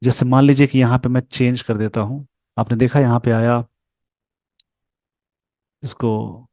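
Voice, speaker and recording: A man teaching English pronunciation over a screen share, speaking slowly and carefully and repeating sounds for his learners. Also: mid-range voice, steady tone, darkish tone, no room sound.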